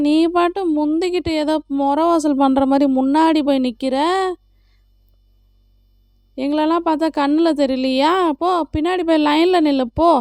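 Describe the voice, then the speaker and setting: A woman's voice: high voice, a little mellow, no echo, clean studio sound. A woman voicing an indignant woman in a queue who scolds someone for cutting in, in a doll play. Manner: scolding, nagging.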